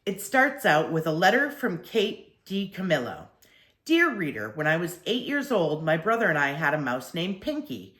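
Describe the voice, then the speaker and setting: Reading a children's story out loud, this older woman speaks in a low voice with lively, expressive intonation. Her phrasing is careful, with emphasis drawn out on important words, and the recording has a roomy echo.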